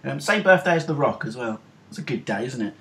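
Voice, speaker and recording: A man's voice: medium pitch, animated, fast, fairly bright tone. British male podcast host, middle-aged, mid-range voice, chatty, informal and a bit rambling. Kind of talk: casual podcast chat.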